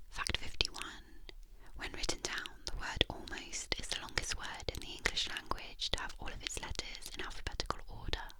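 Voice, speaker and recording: Someone whispering closely, right in the listener's ear, reading facts in a measured ASMR style into a binaural microphone. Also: rough recording. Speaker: ASMR narrator.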